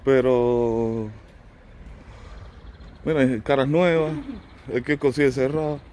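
A man's voice: mid-range voice, slow, warm tone, a little hiss or hum. A middle-aged man vlogging casually while he walks city streets, chatting to his viewers as family. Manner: chatty, addresses viewers as family, mixes in English and German. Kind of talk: casual walking vlog. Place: outdoors on city streets, then a shop. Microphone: phone held at arm's length.

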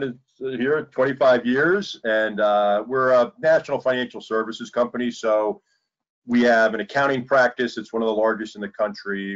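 A man in his fifties, a podcast guest in a home office, explaining his firm in a measured, businesslike way over a video call. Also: lowish voice. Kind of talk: casual chat. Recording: dull lo-fi video call audio.

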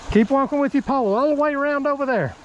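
A man's voice: extremely high pitch, fast talker, lo-fi sound, slight background noise. A middle-aged man hosting a fishing vlog outdoors by a creek, coaching a child with short, repeated instructions. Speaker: fishing bait company host. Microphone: body-worn action camera. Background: running stream water.

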